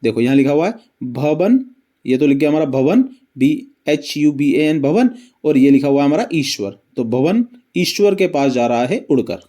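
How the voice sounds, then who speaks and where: Lively man teaching memory tricks. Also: on the high side, normal speed. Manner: asks the viewer questions, then answers them himself; tells little stories to teach memory tricks. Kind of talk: animated mnemonic geography lesson.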